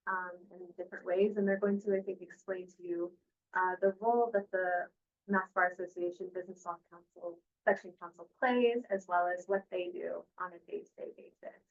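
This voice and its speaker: A woman with a mid-range voice welcomes students and introduces guest speakers in a law school room. She sounds friendly and informal. The recording is dull and lo-fi. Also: medium pitch. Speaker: professor hosting a panel. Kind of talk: casual event introduction.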